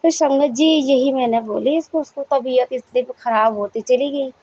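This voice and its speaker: Storytelling woman with a lightly high voice. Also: normal speed, a little mellow, dull audio. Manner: storytelling, often addressing listeners as sangat ji; apologetic self-corrections mid-story. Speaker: devotee sharing a testimony. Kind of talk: devotional testimony at a satsang.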